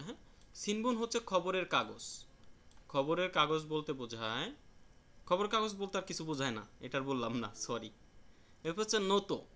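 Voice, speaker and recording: A man teaching a language class in a plain, patient way, repeating each word slowly and restarting himself now and then. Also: on the high side, pushed and bright. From Bangladesh. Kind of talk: classroom lesson explaining vocabulary.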